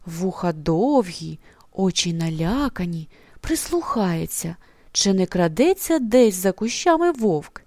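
A woman reading a children's story aloud in an expressive manner, often dropping into soft, hushed passages. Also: lowish voice, slow, dry recording, clean studio sound.

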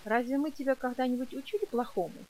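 A woman reading an audiobook and voicing a gentle, worried mother who asks perplexed, pleading questions. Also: sits high, quick pace, voice pushed up, close to an everyday voice, poor audio. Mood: bewildered. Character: gentle bewildered mother, worried and soft-hearted.

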